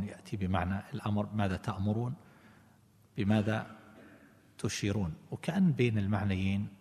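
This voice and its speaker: Male religious teacher, lowish voice, deliberate explainer, long hall reverb. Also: darkish tone. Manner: deliberate, explanatory, self-correcting. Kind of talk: lecture explaining scripture commentary.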